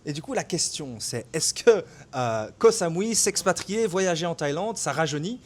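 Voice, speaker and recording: A man hosting an interview, asking relaxed, chatty questions. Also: fairly high pitch, normal speed. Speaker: YouTube interviewer and host. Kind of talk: casual interview.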